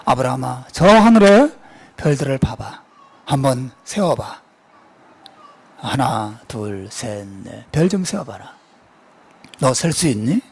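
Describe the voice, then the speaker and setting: A man preaching, putting on a gentle, fatherly God who coaxes softly in a lowered voice. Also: expressive, takes it slowly, gravelly, long pauses, slightly rough, full character voice. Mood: gentle coaxing. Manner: soft, coaxing, lowered voice.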